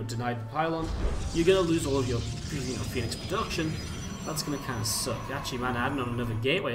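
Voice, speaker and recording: A man's voice: mid-range voice, distant mic. A man doing live play-by-play commentary on a video game, informal and chatty, thinking aloud as he goes. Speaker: esports commentator. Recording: music behind the voice. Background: music.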